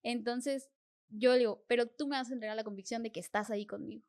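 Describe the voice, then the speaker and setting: A young woman with a fairly high voice tells her faith testimony as a podcast guest. She speaks earnestly and replays her prayers as little conversations with God. The tone stays sincere and storytelling. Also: steady tone, fast talker, darkish tone.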